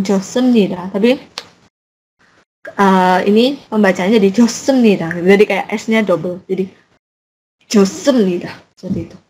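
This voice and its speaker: A woman's voice: mid-range voice, rough recording. Chatty woman teaching with faint hiss. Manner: chatty, explains with many fillers and self-corrections. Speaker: Korean language teacher. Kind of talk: casual online lecture.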